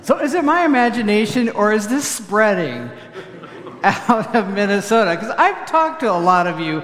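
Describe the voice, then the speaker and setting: A man's voice: high-pitched, very animated, normal speed, a bit bright, a little hiss or hum. A man preaching as pastor, chatty and humorous, leading the congregation in spoken responses. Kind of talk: sermon. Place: church sanctuary. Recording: echoey church hall.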